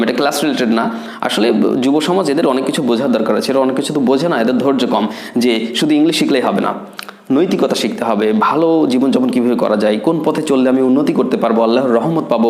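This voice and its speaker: A man's voice: mid-range voice, reverberant. A man in his thirties from Bangladesh teaching a spoken English lesson, explaining with chatty asides and questions to the viewers. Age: 30s.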